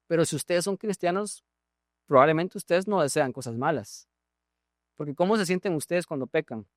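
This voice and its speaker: Man, Guatemalan Spanish accent, pastor, sermon, questions to the congregation, higher voice, dry close sound. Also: a bit bright, no room sound. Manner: asks the congregation questions and repeats words while preaching. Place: church.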